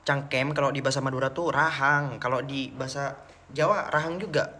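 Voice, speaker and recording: Speaking briskly in a medium-pitched, bright and forceful voice, a young man from Mecca, Saudi Arabia, hosts a casual live stream. He responds to viewers' questions and moves between languages.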